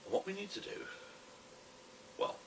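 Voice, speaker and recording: A British man with a smoker's rasp, rambling casually to camera in a wry, self-deprecating way. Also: moderate pace. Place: a room at home, alone. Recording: distant camera mic with faint noise.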